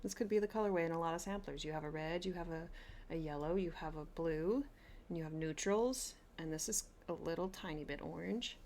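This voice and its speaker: A woman with a low, brisk, slightly mellow voice hosts a flosstube craft vlog, with a little hiss or hum in the recording. She chats eagerly and gushes while showing off a haul, often restarting her sentences.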